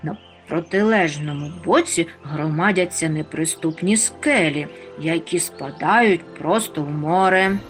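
A woman's voice: low voice, measured pace, few pauses, faint music behind. A woman voicing a young, friendly male storybook creature with a cheerful, boastful manner. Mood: boasting.

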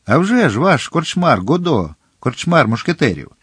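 A man's voice: on the high side, very animated, normal speed, a bit bright, breathy edge, no room sound, clean studio sound, voice pushed up, heavily acted. A man voicing a young hot-headed guardsman in an audiobook, speaking urgently and emphatically. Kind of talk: audiobook character reading.

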